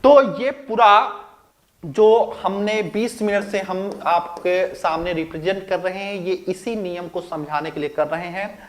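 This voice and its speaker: A man's voice: high voice, unhurried. A male physics teacher giving a recorded lecture, asking rhetorical questions, answering them himself and repeating key phrases.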